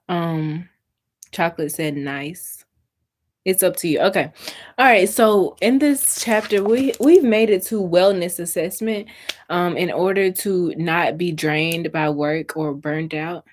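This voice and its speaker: A young woman talks casually into her livestream, her voice sitting on the lower side. She chats straight to her viewers and reads aloud from a book, sometimes tripping over a word before starting it again. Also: takes it slowly, long pauses, a little hiss or hum. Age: young adult. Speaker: livestream host.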